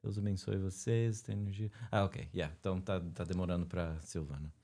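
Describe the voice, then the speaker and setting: A young man co-hosting a live chat, relaxed and dropping English fillers into his Portuguese. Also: deep voice, brisk. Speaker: co-host.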